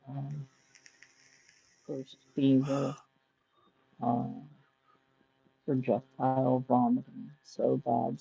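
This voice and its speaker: A man's voice: mid-range voice, vocal fry, mellow. A co-host man talking bluntly and swearing freely from home beside a sleeping baby, his voice muffled as if heard through a wall. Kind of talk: casual podcast chat. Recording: dull muffled lo-fi line.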